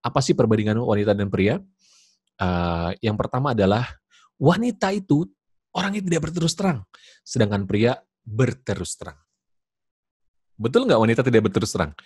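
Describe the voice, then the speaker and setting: A man talks an online seminar crowd through his points, his pitch leaping up and down as he jokes with them. His voice sits low and a little husky. It comes in dry over a video call. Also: normal speed, long pauses, no room sound. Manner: lively, jokey, addresses audience directly. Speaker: motivational speaker.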